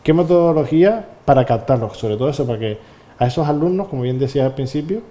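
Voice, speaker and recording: A man's voice: mid-range voice, expressive, fast talker, warm tone. A man, interviewing a guest with long, rambling questions.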